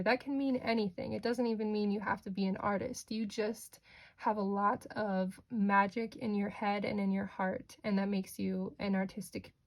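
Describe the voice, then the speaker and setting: A woman with a mid-pitched voice gives an informal fortune teller reading of tarot and oracle cards. She talks directly to the listener in a reassuring, mystical way, often checking in as she goes. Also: a little mellow. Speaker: tarot card reader, host.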